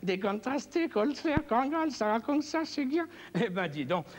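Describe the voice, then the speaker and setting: A man's voice: extremely high pitch, big pitch swings, moderate pace, long reverb tail. A man working as a ventriloquist on a TV variety show, playfully chatting with his puppets like a kindly uncle. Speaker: ventriloquist and impressionist guest.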